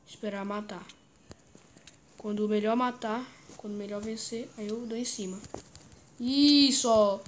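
A woman with a Brazilian Portuguese accent giving excitable gameplay commentary and chanting the same words over and over. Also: fairly high pitch, a little hiss or hum. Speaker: gaming YouTuber.

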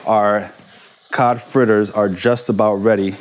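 A man's voice: fairly low pitch, steady tone, unhurried, a little hiss or hum. A man in his forties co-hosting a live cooking show from a home kitchen, chatty and upbeat as he cooks and answers questions. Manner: upbeat, chatty, calls his partner baby.

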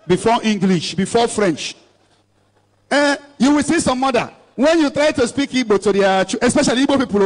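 The recording is rough, capturing a very high-voiced Nigerian preacher in his thirties addressing a large outdoor rally crowd from a stage. Holding a mic in his hand, he exhorts them in a mix of Igbo and English.

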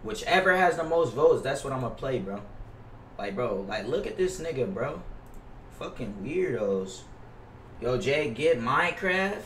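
With big pitch swings and an unhurried pace, this young American man's medium-pitched voice carries a fairly bright tone. He's a game streamer chatting casually to his viewers, slangy, profane, and prone to repetition. The headset mic at his indoor gaming setup sounds distant and roomy, with noise in the background.

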